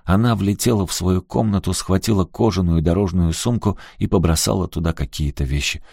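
A man narrating an audiobook in a measured, even reading. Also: deep voice, creaky, no echo, studio quality.

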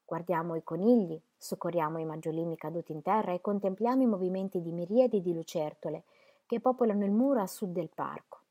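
A woman reading historical letters aloud in a measured, expressive storytelling manner. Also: lowish voice. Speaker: reader.

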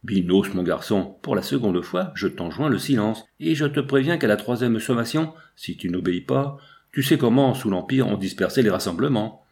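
Stern working painter, read by a man, low-voiced, firm and scolding. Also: lively intonation, normal speed, a little mellow. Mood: irritated. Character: stern, busy male painter, gruff.

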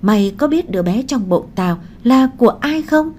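Woman reading as a vengeful desperate woman, shrill and taunting, high and loud, story audiobook. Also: animated, normal speed, slight background noise, lightly acted. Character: desperate vengeful woman holding a child hostage.

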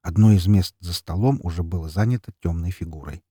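A man reading an audiobook in an expressive, dramatic narration. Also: sits low, fairly quick, slightly rough, dry recording, clean studio sound. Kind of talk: scripted narration.

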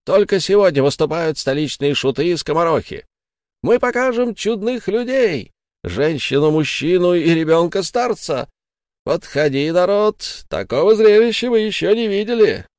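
A man voicing a loud fairground barker who calls out to the crowd. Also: sits high, sing-song, moderate pace, no room sound, clean studio sound, pitched above the performer's own voice. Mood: hyped. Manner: shouting, hyped-up.

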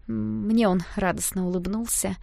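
A woman's voice: mid-range voice, unhurried, creaky, no room sound. Woman narrating a first-person audiobook. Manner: lively, expressive reading.

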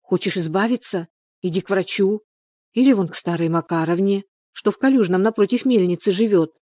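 A practical village woman speaks briskly, with worried concern and coaxing advice, as a woman reader puts her on. The voice is warm and slightly raised, dry and close to the mic. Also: medium pitch, no room sound, natural voice.

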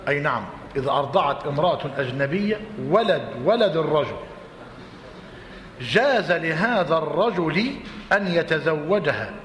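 A man with an Egyptian Arabic accent teaches a class, repeating his points and quizzing his students. His fairly high, fairly bright voice has lively intonation at normal speed, recorded in a roomy, reverberant hall with faint noise.

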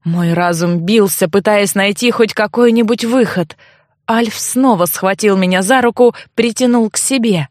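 Female audiobook narrator, mid-pitched, dramatic first-person delivery, dry close mic. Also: moderate pace, dry recording. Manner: expressive, dramatic reading.

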